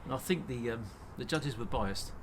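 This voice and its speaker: A man's voice: mid-range voice, moderate pace, a crowd in the background. A man chatting casually as an interview guest in an easygoing, conversational way. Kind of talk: casual chat. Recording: clear background noise.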